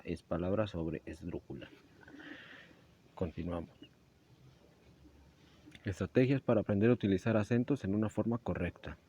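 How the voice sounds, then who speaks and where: This student presenter is a young man with a lowish, warm voice, explaining his class presentation one step at a time while stumbling and correcting himself here and there. The recording is dull and lo-fi.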